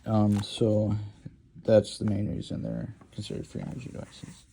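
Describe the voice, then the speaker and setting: A man with a low, dark, gravelly voice talks through an informal lecture. He rambles and hesitates, filling gaps with ums and restarting his sentences as he draws. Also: completely flat delivery, normal speed, slight background noise. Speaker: lecture host.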